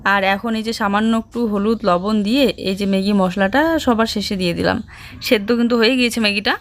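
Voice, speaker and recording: A young woman narrating a casual home vlog, speaking softly and chatting as she explains her chores. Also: medium pitch, fairly quick. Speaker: village vlogger and mother.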